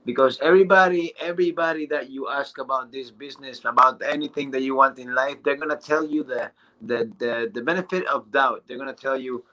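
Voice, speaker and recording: A man in his thirties giving an excited, casual motivational testimonial, often restarting and stumbling over his words. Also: mid-range voice, rough recording. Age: 30s. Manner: excited and halting, with many restarts and fillers. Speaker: business testimonial speaker.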